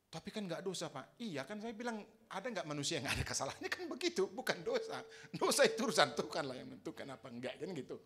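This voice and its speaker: A man's voice: medium pitch, fairly bright tone. A man preaching a sermon to his congregation in a conversational way, teasing them with questions and laughing along.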